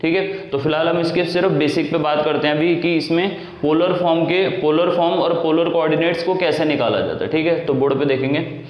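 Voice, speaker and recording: A man's voice: fairly high pitch, fairly even intonation, brisk. A young man teaching math at a board, explaining step by step and asking and answering his own questions. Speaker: math tutor. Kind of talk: classroom lecture at a board. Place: room with a board. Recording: echoey room, dull lo-fi sound.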